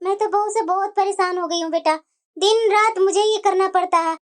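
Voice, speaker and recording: A woman's voice: very high voice, fairly even intonation, normal speed, voice pushed down. A woman doing a whiny old mother. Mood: complaining. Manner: whiny, plaintive. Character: elderly mother, complaining about her daughter-in-law. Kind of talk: cartoon voice acting.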